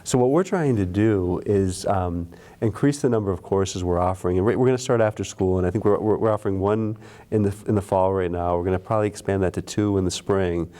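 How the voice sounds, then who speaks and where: The speaker is a school administrator guest with a low voice, dark tone, and quick pace. Chatting casually and earnestly about the local school system's programs, he keeps restarting his sentences.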